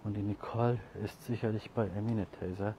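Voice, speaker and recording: A man walking outdoors with a group of cats, talking to them casually, scolding and coaxing, sometimes calling out loudly. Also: lowish voice, fairly even intonation, brisk. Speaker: cat caretaker vlogger. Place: outdoors on a street walk. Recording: faint outdoor noise.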